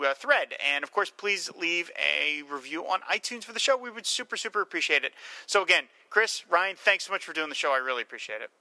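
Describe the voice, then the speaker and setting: A man's voice: fairly high pitch, bright, forceful tone, no room sound. A man hosting a casual film podcast, speaking in an enthusiastic, emphatic way. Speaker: podcast host.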